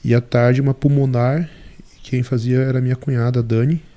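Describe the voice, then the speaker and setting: A man as a podcast guest, telling a story in a lively way and acting out the dialogue. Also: mid-range voice, normal speed, slight background noise.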